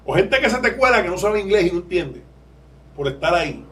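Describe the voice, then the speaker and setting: A man's voice: high voice, big pitch swings, brisk, a bit bright, distant mic, low-quality recording. A man with a Puerto Rican accent, a lawyer speaking as a podcast guest, candid and digressive, laughing as he explains. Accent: Puerto Rican Spanish. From Puerto Rico. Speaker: lawyer and legal aid board president, guest. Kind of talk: podcast interview.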